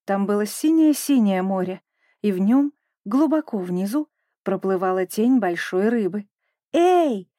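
A woman narrating a children's story in a gentle, even storytelling manner. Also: mid-range voice, normal speed, no room sound, clean studio sound.

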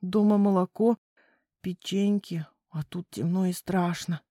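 A woman's voice: lowish voice, fairly even intonation, a little slow, dark tone, no room sound, clean studio sound. A woman voicing a timid little boy wolf cub who whines and trembles with fear in a children's storybook. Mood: scared. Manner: scared, whiny, trembling.

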